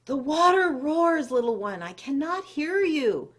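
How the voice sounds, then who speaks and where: A woman's voice: sits high, big pitch swings, measured pace, pitched above the performer's own voice. A woman voicing a stern, formal mother in a folktale, speaking in a grand, scolding manner. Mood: calling. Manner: scolding, grand, archaic phrasing.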